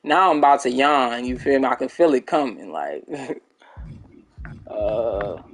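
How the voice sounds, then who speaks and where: Speaking unhurriedly with lively intonation and a medium pitch, a young man streams a game and rambles casually to his chat. The recording is rough, with a bit of hiss or hum.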